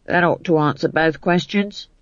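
A tired, sardonic player from a storybook, dry in his asides, voiced by a woman. The voice is lowish and plain. The sound is dry and dull. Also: normal speed, no echo, close to an everyday voice. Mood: wry. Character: wry, weary male actor.

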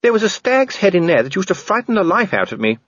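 A man voicing a kindly aristocratic lady who speaks in a high, gentle, proper way. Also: big pitch swings, quick pace, no room sound, highs cut off, full character voice. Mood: fond.

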